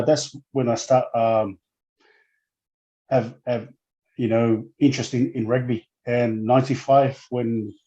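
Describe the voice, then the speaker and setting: A man's voice: medium pitch, mellow, rough recording. A man in his forties from Samoa, speaking in a casual interview as a guest, hesitant and full of fillers and restarts. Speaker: guest, former rugby player.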